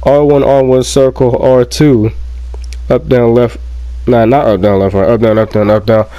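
A young man giving loud, profane, joking let's play commentary and laughing often. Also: mid-range voice, level tone, moderate pace, dull audio, a little hiss or hum. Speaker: gameplay commentator.

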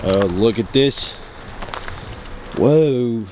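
A young vlogger who explores abandoned sites wanders an overgrown empty lot, chatting very slowly to a handheld camera held at arm's length. His medium-pitched voice is lively, full of rambling "like" fillers, while insects buzz clearly and traffic hums in the distance.

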